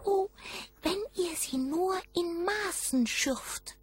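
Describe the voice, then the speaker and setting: A woman voicing a tiny, grateful male kobold with a very high, thin voice and sing-song calls. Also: slow pace. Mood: wondrous.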